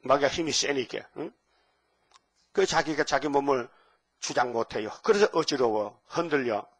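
An elderly man in his seventies preaches a sermon in a voice of ordinary pitch. He lingers over scripture verses and fires rhetorical questions at his listeners. Now and then he breaks into loud, forceful bursts. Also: husky. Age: 70s. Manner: reads scripture slowly. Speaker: pastor.

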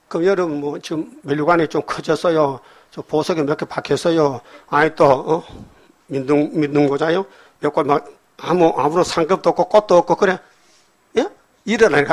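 Man preaching, scripture reading, blunt colloquial asides, prods the congregation, bursts loud then drops low. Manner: swings between loud emphatic outbursts and low murmured remarks. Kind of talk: sermon. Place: church hall with congregation.

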